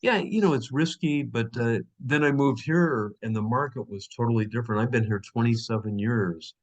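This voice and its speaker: The audio is dull as a middle-aged man with a medium-pitched voice hosts a business interview show at a moderate pace. He rambles through his host chat, using many fillers.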